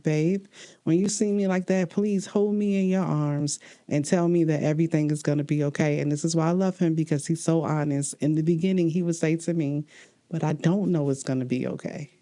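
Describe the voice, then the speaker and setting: Low, mellow-voiced woman co-host. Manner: earnest, faith-minded, laughs often. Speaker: podcast co-host. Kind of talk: casual relationship talk.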